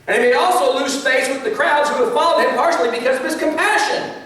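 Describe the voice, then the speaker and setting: A man's voice: very high-pitched, quick pace, fairly bright tone. A man preaching a sermon as pastor, in a conversational way with asides and small chuckles. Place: church sanctuary. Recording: echoey hall from a distance.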